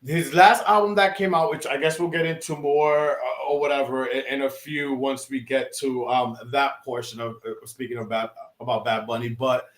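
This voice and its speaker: A man co-hosting a podcast in casual chat, excitable and rambling, with lots of restarts and fillers. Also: mid-range voice, normal speed, few pauses, reverberant. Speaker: podcast co-host.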